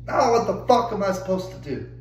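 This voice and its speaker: Profane man ranting, high voice. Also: animated, fairly quick, reverberant, slight background noise, poor audio. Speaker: vlogger. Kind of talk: angry rant to camera.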